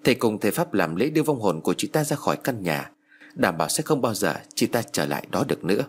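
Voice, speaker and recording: A man narrating a first-person horror story in an expressive, scripted storytelling manner. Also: fairly low pitch, quick pace, slight background noise.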